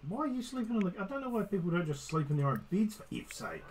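A man's voice: sits high, sing-song, quick pace, darkish tone, a little hiss or hum, rough recording. Teasing, foul-mouthed man narrating gameplay. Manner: teasing, swears at the game characters. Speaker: gaming streamer. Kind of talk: casual gameplay commentary.

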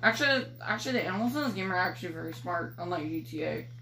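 A teenage girl casually commentating a driving game she films with her phone in a dark room at home, rambling and teasing with casual swearing. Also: fairly low pitch, expressive, racing. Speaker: gaming video creator. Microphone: phone filming a screen. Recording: echoey room with faint noise.

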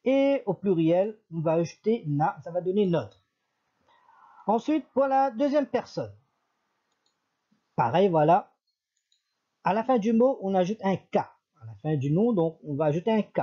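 A man's voice: high voice, very animated, unhurried, long pauses, warm tone, lo-fi sound. A man teaching an Arabic lesson, patiently repeating each example and correcting himself as he goes. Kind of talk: recorded language lesson.

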